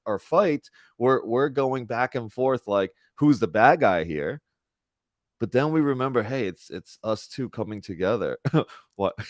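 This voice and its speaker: A man's voice: medium pitch, dry recording. A man in his thirties leads a casual spiritual talk over a video call. He is earnest and chatty and restarts his sentences as he thinks aloud. His voice sits in the middle range and sounds dry and close to the mic. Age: 30s. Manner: earnest, chatty, with frequent self-corrections. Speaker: spiritual group host.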